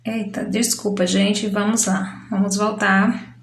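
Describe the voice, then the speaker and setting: A woman's voice: mid-range voice, little pitch movement, takes it slowly, a little hiss or hum. A Brazilian woman teaching a primary school lesson, patiently explaining and spelling out syllables. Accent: Brazilian Portuguese. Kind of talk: slow explanatory classroom lesson. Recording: echoey room.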